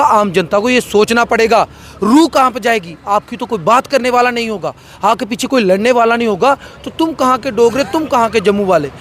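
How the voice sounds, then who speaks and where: A man's voice: extremely high pitch, a bit bright, a little hiss or hum. A man, a social activist, speaking with fiery, rhetorical passion in a political interview, repeating phrases for emphasis. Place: outdoors by a road.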